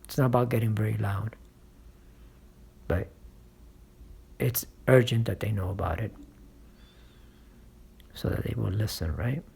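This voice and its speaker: Male channel host, husky and unhurried, encouraging speaking coach who talks from experience. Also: fairly low pitch, steady tone, a little mellow. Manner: coaching, checks in with frequent "right?" and "okay?". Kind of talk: motivational public-speaking advice.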